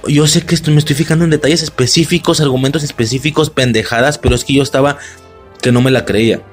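A man with a Mexican accent recapping a film in an excited, casual way, swearing freely and laughing often. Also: mid-range voice, quick pace, soft background music. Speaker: movie reaction vlogger.

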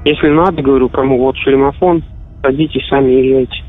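A man's voice: mid-range voice, fairly even intonation, a little fast, faint music behind. A tired soldier talking with his father, heard over a radio intercept of a phone line, telling events in short weary bursts. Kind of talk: private phone call.

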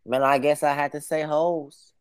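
A man's voice: fairly high pitch, level tone, moderate pace, clean tone. An American man in a casual podcast debate, reasoning aloud in colloquial speech.

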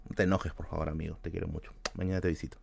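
A man with a Peruvian Spanish accent, hosting a book channel and telling a story in casual talk, switching between loud bursts and hushed asides and swearing freely. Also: low-pitched, level tone, racing, vocal fry, slight background noise. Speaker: book-collecting channel host.

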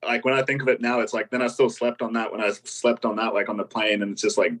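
A man's voice: fairly low pitch, flat delivery, fast, fairly bright tone. A man chatting casually as a podcast guest, with slangy, laid-back phrasing. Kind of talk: casual chat.

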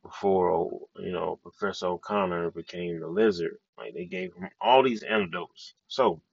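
A man giving a casual movie reaction, excitable and slangy, swearing a lot. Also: sits low, normal speed, vocal fry, husky, no room sound, dull audio. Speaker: movie reviewer.

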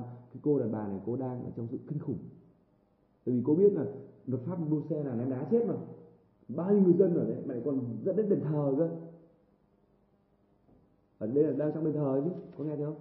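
A man preaching a sermon with fervour, repeating phrases and calling out amen. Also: medium pitch. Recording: tinny lo-fi echoey room recording.

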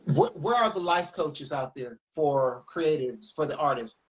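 A man's voice: on the high side, measured pace, muffled recording. A man from the United States, a music teacher, telling stories in a casual, rambling interview chat. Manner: animated, rambling storyteller.

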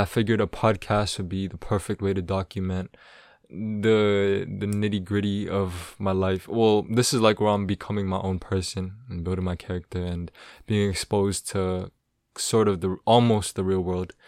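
A man's voice: low voice, darkish tone, dry recording, clean studio sound. An eighteen-year-old man, hosting a casual solo podcast intro in a slangy, rambling, self-aware way. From Toronto, Canada. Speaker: podcast host.

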